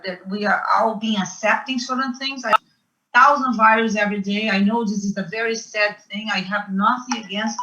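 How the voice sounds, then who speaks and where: A woman's voice: on the high side, sharp tone, dull audio. A woman in her fifties from Brazil, speaking with a Brazilian Portuguese accent, arguing passionately in a round-table debate. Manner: passionate, emphatic. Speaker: panel guest.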